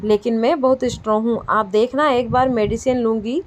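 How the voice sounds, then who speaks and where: A woman's voice: a little high, fairly even intonation, brisk, slight background noise, lightly acted. A woman reading the lines of a playful, feverish twenty-year-old wife in a storybook tale, teasing and a little pouting. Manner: teasing, childlike, mildly pouting.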